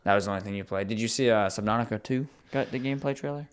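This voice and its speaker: A man's voice: lowish voice, racing, smooth. A young man co-hosting a podcast in casual chat, sleepy and laid-back, swearing freely. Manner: laid-back, swears, agreeable filler replies. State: sleepy, yawning. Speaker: podcast co-host.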